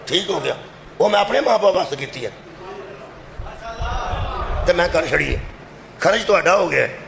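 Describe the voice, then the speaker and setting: A high-pitched, gravelly male preacher with a Punjabi accent delivers a fervent majlis sermon, now shouting, now dropping to confiding asides. His voice booms through an echoey loudspeaker setup with faint crowd ambience behind. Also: animated. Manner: impassioned, shifting between shouting and low confiding asides; addresses the crowd directly with rhetorical questions. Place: religious gathering with loudspeaker. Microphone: loudspeaker microphone.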